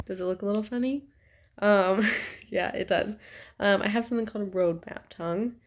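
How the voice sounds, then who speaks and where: A woman's voice: mid-range voice, a little fast. Chatty young woman vlogging from her couch. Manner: chatty, rambling, many ums and likes. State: stuffy nose. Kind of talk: casual chat to camera.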